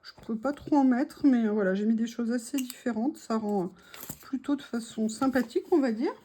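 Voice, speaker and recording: A woman's voice: fairly high pitch, a little fast, dark tone, slight background noise. A woman narrating her journal crafting casually, chatty and hesitant as she describes each step. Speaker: journaling vlogger.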